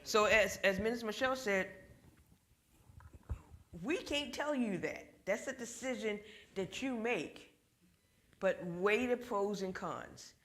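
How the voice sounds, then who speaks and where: Woman, church class leader, animated storyteller, jumps into little voices. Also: mid-range voice, slow, long pauses. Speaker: ministry financial class leader. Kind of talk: church group discussion.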